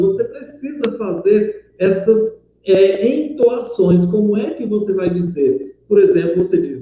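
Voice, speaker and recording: A man's voice: high voice, mellow. A man teaching a grammar lesson, explaining step by step and checking in often with his students. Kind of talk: recorded online grammar lesson. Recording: very echoey, dull lo-fi room recording.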